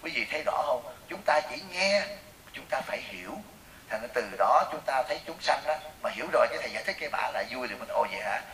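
A man with a Southern Vietnamese accent, giving a Buddhist sermon as a teacher and telling lively stories that question the audience. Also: medium pitch, fast. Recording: echoey room, voice from far off, faint hiss.

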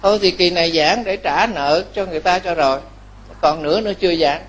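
Nhà sư giọng cao, giảng pháp sôi nổi. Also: male voice, high voice, fairly quick. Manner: lively storytelling, chuckles, asks listeners to agree. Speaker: Buddhist monk preacher. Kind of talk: Dharma talk sermon.

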